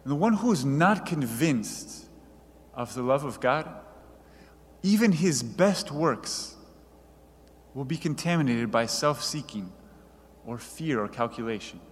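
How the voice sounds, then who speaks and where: A man preaching a sermon in an earnest, measured way, reading quoted passages aloud. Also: mid-range voice, expressive, in a large hall.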